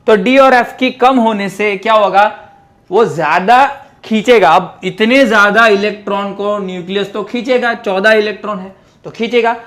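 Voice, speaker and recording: Teaching chemistry in a classroom lecture, a man speaks in a strikingly high, slightly bright voice. He walks through the material step by step with technical content mixed in, pausing often to ask the students if it makes sense.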